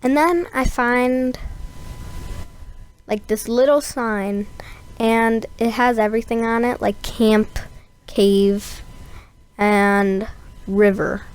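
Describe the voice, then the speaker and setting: A woman's voice: on the high side, fairly even intonation, slow, long pauses, clear, resonant tone. A young woman giving a casual, rambling voice-over of her gameplay, full of fillers and asides. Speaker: gameplay narrator.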